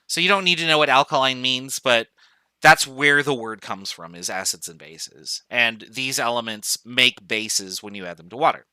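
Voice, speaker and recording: A man lectures on chemistry in a loose, joking manner, thinking aloud and trailing into fillers. His voice is very bright and crisp at a middle pitch. The sound is dry and close, with no room echo. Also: moderate pace. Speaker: chemistry professor. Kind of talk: online lecture.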